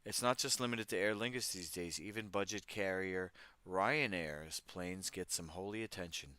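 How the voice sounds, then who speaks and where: A man's voice: sits low, moderate pace, bright, forceful tone, smooth, no echo. Man riffing on news to his chat. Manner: reads articles aloud, then riffs on them; banters with chat, wry and irreverent. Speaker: livestream host. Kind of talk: casual news commentary.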